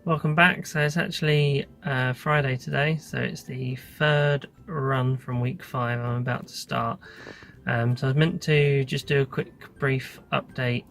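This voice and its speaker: A British man in his thirties talks casually to his phone in a parked car. His medium-pitched voice stays fairly monotone, with a noticeable gravelly fry. He is unscripted and a little hesitant, in the way of an everyday vlogger. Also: unhurried, soft background music. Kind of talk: casual vlog talk to camera. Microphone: phone at arm's length.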